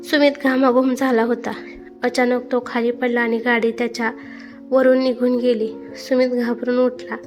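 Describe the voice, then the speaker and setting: A woman narrating a story in a high voice with a steady, clear reading. Faint instrumental music plays beneath her. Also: moderate pace. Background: soft background music.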